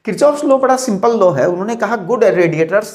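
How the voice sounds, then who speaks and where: A male physics teacher, speaking in a slightly high, very animated voice. He talks slowly and deliberately, repeating key phrases as if dictating notes. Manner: asks the class checking questions. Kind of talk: classroom lecture.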